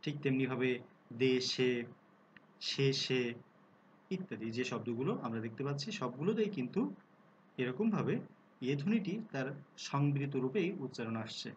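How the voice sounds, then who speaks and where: A man giving a recorded lesson on pronunciation, explaining rules, asking rhetorical questions and sounding out example words slowly. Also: medium pitch, animated, a little hiss or hum, poor audio. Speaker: Bengali language teacher.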